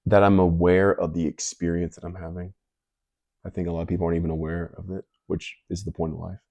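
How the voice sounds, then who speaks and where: A man's voice: sits low, little pitch movement, fast talker, a little mellow, no echo. A man hosting a casual chat, musing loosely about life with lots of fillers. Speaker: host.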